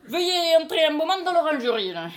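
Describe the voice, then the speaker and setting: A woman's voice: high-pitched, very animated, fairly quick. A woman with a French accent reading the part of an indignant middle-aged husband, in a stage reading. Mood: pompous. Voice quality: pompous, mock-solemn.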